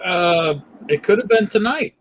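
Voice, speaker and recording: Laid-back high-voiced male guest. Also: lively intonation, measured pace, a loud crowd. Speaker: guest streamer. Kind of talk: casual live-stream chat.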